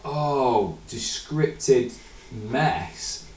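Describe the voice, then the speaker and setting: A man's voice: mid-range voice, very slow, a little mellow. A man co-hosting a podcast, chatty and casual with some swearing. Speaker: podcast co-host. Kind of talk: casual chat. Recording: roomy, distant mic.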